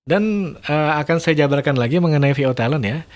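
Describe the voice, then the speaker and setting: A man who works in voice-over, giving a casual explanatory talk, speaking quickly with frequent laughs and playing with his intonation. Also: on the high side. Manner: lively, laughs often, talks quickly; shifts intonation to demonstrate reading styles.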